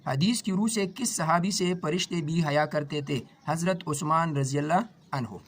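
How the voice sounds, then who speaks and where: A man with a Pakistani Urdu accent, a maths teacher working through an exam paper, reading each question slowly and then explaining it quickly. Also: fairly high pitch. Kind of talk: exam paper walkthrough lesson.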